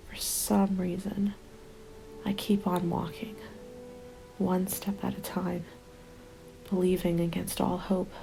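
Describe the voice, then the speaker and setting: A woman narrates as a solitary, worn-down survivor of the zombie apocalypse in a scripted first-person ASMR roleplay, using an exaggerated voice that is low, creaky, hushed, and often breathy. Her delivery is very even and unhurried over background music, sounding weary and desperate on a rough recording.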